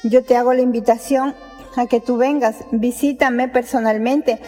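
An Ecuadorian woman with an Ecuadorian Spanish accent speaks as a healer, insistent and persuasive, piling up repeated phrases. Her voice sits slightly high. The sound carries a long reverb tail, with faint music underneath. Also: steady tone, normal speed, mellow. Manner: persuasive, insistent, repetitive listing. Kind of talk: promotional broadcast address.

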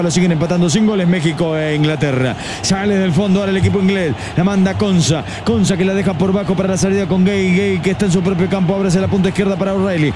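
An Argentine man with an Argentine Spanish accent, giving fast live football play-by-play commentary for an online stream and reading viewer messages aloud. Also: high voice, background noise.

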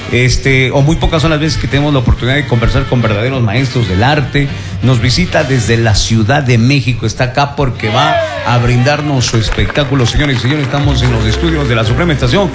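An Ecuadorian man hosting a lively radio show in a studio, with big announcer-like swings in pitch. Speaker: radio host. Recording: radio studio with music behind.

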